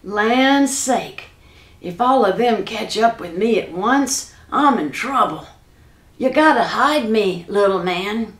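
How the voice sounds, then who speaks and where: A woman voicing a big gruff male giant who talks in a folksy rural way. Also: medium pitch, expressive, takes it slowly, reverberant. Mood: pleading.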